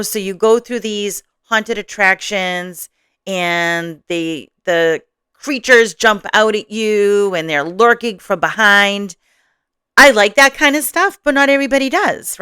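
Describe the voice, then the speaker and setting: Expressive woman reading children's stories. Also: mid-range voice, clear, resonant tone, no echo, studio quality. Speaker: storyteller host. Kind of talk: children's story read-aloud.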